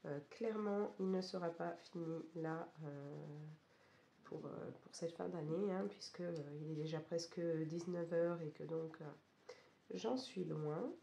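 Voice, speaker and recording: A woman chats casually for a colouring vlog in a hoarse, broken, gravelly voice. Her tone is soft-edged and mellow rather than bright. She is recorded in an echoey room. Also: on the low side, unhurried. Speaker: craft vlogger. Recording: roomy echo, faint background noise.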